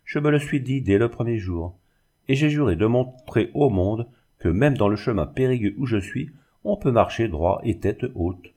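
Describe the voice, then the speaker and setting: A man's voice: mid-range voice, animated, normal speed, mellow, lightly acted. A man voicing a proud, resolute young woman in an audiobook reading, speaking with fervent firmness. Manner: fervent, pleading, firm.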